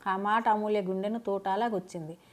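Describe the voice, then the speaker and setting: A woman storyteller reads a scripted family drama aloud, steady and dramatic in her delivery. Her voice sits at ordinary pitch for a woman, and she reads a little fast.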